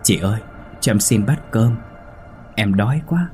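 A man's voice: fairly low pitch, lively intonation, warm tone, soft background music. A man doing a whimpering little ghost girl. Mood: plaintive. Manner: plaintive, whimpering, drawn-out.

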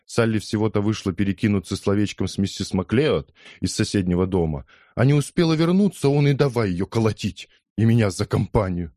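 A man's voice: lowish voice, a little fast, few pauses, warm tone, no echo, studio quality, voice pushed up, lightly acted. A man voicing an indignant older woman who scolds and rambles in an audiobook. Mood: outraged. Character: indignant older woman, loud gossiping mother. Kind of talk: audiobook character voice.

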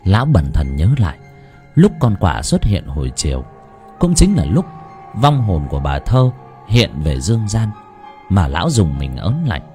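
A man narrating a ghost story in an expressive, dramatic way. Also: moderate pace, soft background music. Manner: expressive, swooping between high and low.

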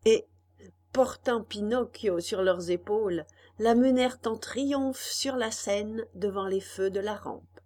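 A woman reading a children's storybook aloud with an expressive delivery. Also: mid-range voice, slow pace. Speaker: audiobook reader. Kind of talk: storybook narration.

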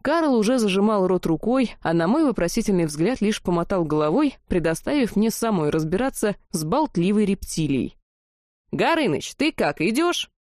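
A woman narrating a first-person fantasy audiobook in a lively, amused storytelling manner. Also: mid-range voice, moderate pace, few pauses, no echo, studio quality.

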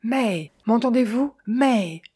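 A woman's voice: on the low side, normal speed, slightly rough. A woman reading an audiobook voices a proud male crime writer who speaks insolently and with cutting anger. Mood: desperate. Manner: insolent, sharp and heated.

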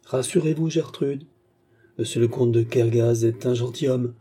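Kindly old soldier guy, calm and reassuring, read by a man, dark voice. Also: mid-range voice, moderate pace, husky, close to an everyday voice. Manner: gentle, reassuring. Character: kindly old former hussar captain, reassuring.

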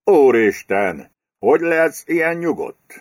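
A man's voice: a little high, very animated, darkish tone, dry recording, pitched above the performer's own voice. A jittery male business partner, voiced by a man in an audiobook, anxious and whining. His voice rises and falls restlessly. Dry close recording. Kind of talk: audiobook character voice.

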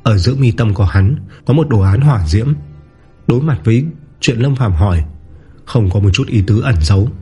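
A man narrating a martial-arts novel in a steady, even storytelling voice. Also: fairly low pitch, normal speed, husky. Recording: soft background music.

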